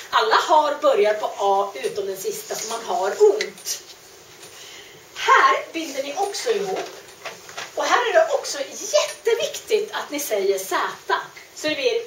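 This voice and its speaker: A woman teaching French grammar, explaining patiently and repeating each word slowly. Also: sits high, fairly bright tone, slight background noise. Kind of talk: grammar lesson. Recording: echoey room, mic at a distance.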